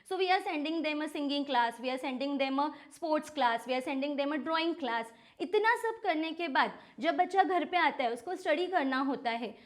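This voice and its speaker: An Indian woman who teaches phonics, explaining as a podcast guest in a mix of Hindi and English and slowly spelling out letters to make her point. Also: high-pitched. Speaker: phonics educator and franchise owner.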